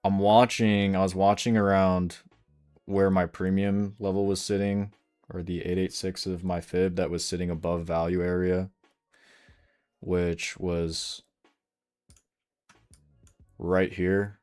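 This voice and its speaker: A man's voice: deep voice, flat delivery, takes it slowly, pauses often, a little mellow, clear, resonant tone, soft background music. A man streaming live day trading, casually explaining charts and answering questions from chat.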